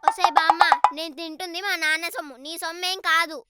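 A woman's voice: extremely high pitch, steady tone, fast talker, loud music behind the voice. A girl as a cheeky granddaughter with dry comebacks. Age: child. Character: cheeky schoolgirl granddaughter, calm retorts.

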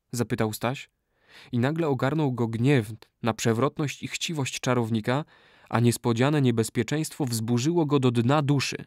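A man reading a classic novel aloud as an audiobook narrator, in a measured, steady storytelling manner. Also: medium pitch, no echo, studio quality. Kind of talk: scripted narration.

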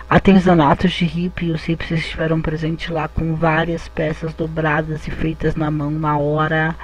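A Brazilian man who hosts his own channel narrates an event video as a voice-over. His voice is on the high side, the sound lo-fi, with faint music playing behind him.

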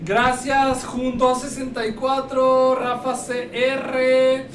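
Tipsy, rowdy streamer. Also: male voice, extremely high pitch, level tone, slow pace, distant mic. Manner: crude, joking, loud outbursts. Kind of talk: casual game streaming, translating game text aloud. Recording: echoey room with background noise, off-mic.

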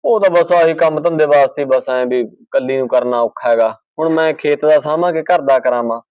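A man's voice: on the high side, brisk, darkish tone, no room sound, dull audio, lightly acted. A man playing a dutiful son and husband who is torn between his mother and his wife, and who pleads earnestly. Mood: pleading, earnest.

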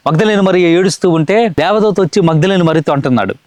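A man's voice: high voice, fast, darkish tone, no room sound. A man preaching a sermon in an earnest, repetitive cadence.

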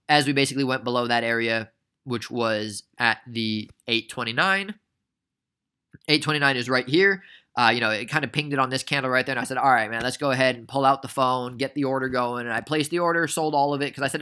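A man's voice: mid-range voice, pushed and bright, smooth. A young man casually recapping a stock trade for beginners, chatty and prone to rambling tangents. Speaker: trading educator.

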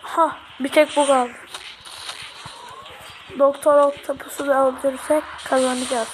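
A young woman commentating her own mobile game play, excitable and slangy, often yelling at the characters on screen. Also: high-pitched, measured pace, slight background noise, rough recording. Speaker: gaming channel host.

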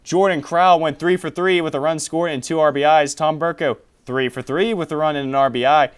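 The young host speaks briskly in a fairly high, clean voice with fairly even intonation. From a small TV studio, he reads college sports scores and stats, then gives questions to his analyst.

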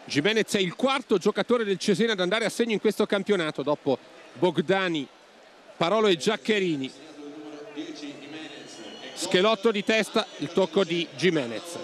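A man giving football highlights commentary in clipped, telegraphic phrases, as a scripted match report. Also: expressive, normal speed, long pauses.

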